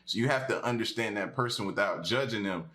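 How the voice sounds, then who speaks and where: Reaction YouTuber, male, lowish and bright tone, reflective and sincere to camera. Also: quick pace. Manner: earnest, reflective, talks straight to viewers. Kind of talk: casual reaction commentary to camera.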